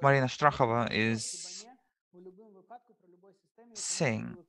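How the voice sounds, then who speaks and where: A man giving live simultaneous interpretation of a panel speaker, measured and rephrasing as he goes. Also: mid-range voice, gravelly, a bit bright.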